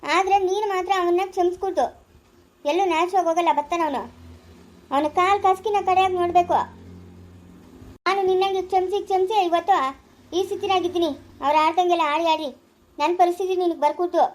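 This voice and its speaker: An indignant mother, played by a woman, scolds hard in a very high, rapid voice. She urges her daughter never to forgive. It sounds like an amateur family skit. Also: fairly even intonation. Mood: urging. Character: angry mother defending her wronged daughter.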